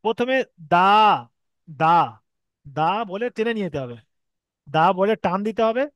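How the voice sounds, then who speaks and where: A man's voice: high voice, animated, moderate pace, no room sound, lo-fi sound. A man with a Bengali accent teaching Arabic letter reading, patiently explaining step by step and stretching sounds to demonstrate. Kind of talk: online Quran reading lesson.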